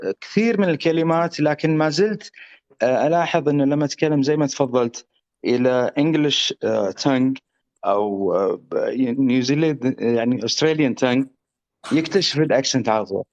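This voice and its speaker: A middle-aged man with a Saudi accent calling in, hesitant, switching into slow English. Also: mid-range voice, darkish tone. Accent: Saudi Arabic. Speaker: caller. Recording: muffled call audio.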